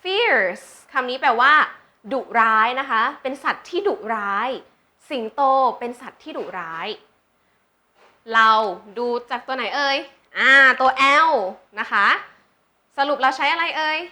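A woman with a high-pitched, sing-song, bright and forceful voice tutors English beginners at a measured pace. Patient, she works through example sentences, stretching out words for repetition and asking learners questions to confirm understanding.

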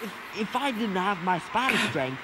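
A man's voice: high voice, very animated, normal speed, a loud crowd. A man in a comic dub playing an earnest, hard-pressed young superhero. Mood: strained. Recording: very noisy amateur recording.

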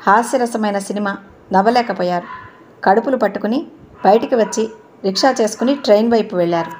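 A woman narrating a novel in a steady storytelling manner. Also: mid-range voice, fairly quick, slight background noise. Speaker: audiobook narrator.

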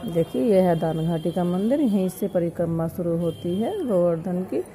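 A woman's voice: fairly low pitch, normal speed, mellow. A woman narrating a travel vlog, showing viewers around temples outdoors. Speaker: vlogger. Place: outdoors at crowded temple sites. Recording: crowd noise around. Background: crowd noise.

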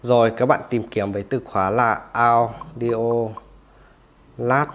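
A man's voice: medium pitch, steady tone, takes it slowly, muffled recording. Casual man walking through app steps. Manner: casual, instructive, often says "rồi" between steps. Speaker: tech tutorial host. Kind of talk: step-by-step phone app tutorial.

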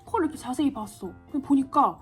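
A woman's voice: high voice, fast talker, husky, soft background music. Chatty young woman telling a story. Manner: chatty, animated, acts out quoted lines. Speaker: beauty vlogger. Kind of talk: casual storytelling while doing makeup.

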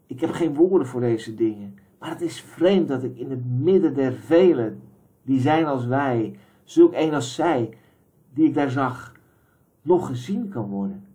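A man voicing a wounded messenger who speaks slowly and pensively, word by word. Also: mid-range voice, expressive. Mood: wistful. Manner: slow, pensive, measured. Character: dreamy awestruck male messenger, wounded.

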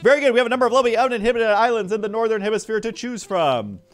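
A man's voice: sits high, expressive, very fast, soft background music, voice pushed up. A man voicing a cheerful male travel clerk, reading the game's dialogue aloud.

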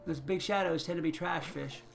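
A man's voice: on the high side, a little fast, gravelly, faint music behind. A man giving casual, chatty commentary on his own gameplay, thinking aloud and chuckling often as he plays. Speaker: gaming channel host.

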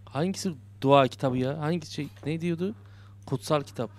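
A young man whose voice runs on the high side speaks at a moderate pace, with a little hiss or hum, while commenting on a horror game. This gaming YouTuber jokes, mutters to himself, and yelps in fright when startled.

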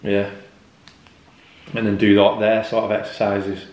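Low-voiced man, encouraging. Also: monotone, a little slow, darkish tone, a little hiss or hum. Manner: encouraging, matter-of-fact. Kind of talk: casual chat. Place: bright open kitchen, indoors. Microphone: camera on the table. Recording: echoey room.

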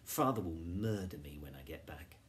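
A man reading aloud and voicing an excitable, anxious boy who blurts out shrill, panicky lines. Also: normal speed, a little hiss or hum. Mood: rueful.

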